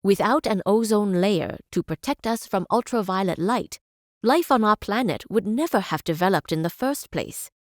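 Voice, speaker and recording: Woman acting as measured, visionary chancellor-scientist, dry studio sound. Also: medium pitch, expressive, no room sound, close to an everyday voice. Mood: lecturing. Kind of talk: formal speeches and quotations in a strategy game.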